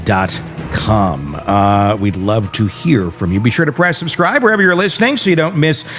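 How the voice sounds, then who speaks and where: Lively, rambling male co-host. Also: on the low side, moderate pace. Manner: rambling, self-interrupting, laughs often. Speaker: podcast co-host. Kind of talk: casual chat.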